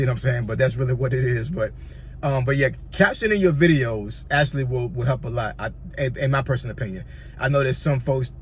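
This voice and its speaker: Here a YouTuber from Virginia, USA, speaks in a mid-range voice with a Southern accent, giving loose, rambling tutorial advice. Repetition is frequent, as is the check-in "you know what I'm saying," and a little hiss or hum runs underneath.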